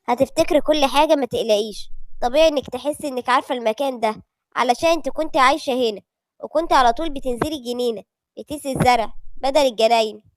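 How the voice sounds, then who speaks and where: A woman with an Egyptian accent voicing a calm young husband who speaks softly and soothingly. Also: fast talker, dry recording, natural voice. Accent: Egyptian Arabic. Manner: soft, low, soothing.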